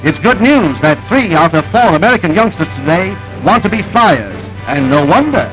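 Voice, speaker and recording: A man narrating an old newsreel in a brisk, emphatic announcer delivery. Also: high-pitched, big pitch swings, muffled recording, music in the background.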